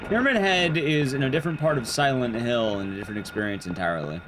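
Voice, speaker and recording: While streaming a game, a man with a mid-range voice talks fast to his chat, rambling casually and tossing in playful asides. Loud music sits under his voice, and the game and stream music play in the background.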